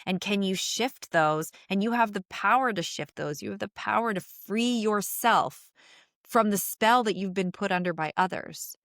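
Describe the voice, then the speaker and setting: A woman co-hosts a relaxed podcast conversation, speaking with earnest emphasis and a mid-range pitch. Her pace moves freely between quick and drawn-out. The recording is dry and close. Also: no echo. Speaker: podcast co-host and coach.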